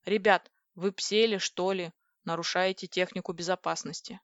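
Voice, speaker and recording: A woman's voice: lowish voice, fairly even intonation, moderate pace, dry recording, lightly acted. A woman reading the part of a sulky, sarcastic male spaceship computer, in a dull, dry audiobook recording. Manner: sulky, sardonic.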